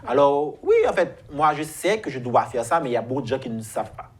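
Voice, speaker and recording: A man in his thirties, a guest chatting about grooming in a halting way with many restarts. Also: medium pitch, lively intonation. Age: 30s. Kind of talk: casual chat.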